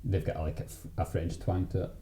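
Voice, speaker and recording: A man's voice: low-pitched, little pitch movement, fairly quick. A man with a broad Scottish accent, chatting casually in slang and swearing as he shares anecdotes. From Scotland. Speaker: podcast host. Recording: roomy echo with background noise.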